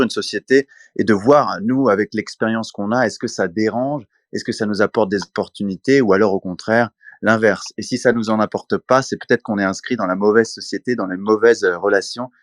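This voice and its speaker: A man speaks in an online audio room, measured and full of fillers. His voice is low. The sound is dry and close. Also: no room sound. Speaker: participant.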